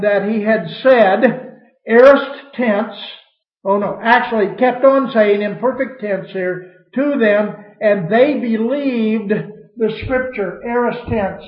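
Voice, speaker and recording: A man's voice: high-pitched, slow pace. A man teaching a Bible study class, quoting scripture and putting questions to the listeners in a preacherly way. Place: church room with a class. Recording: dull, echoey room recording.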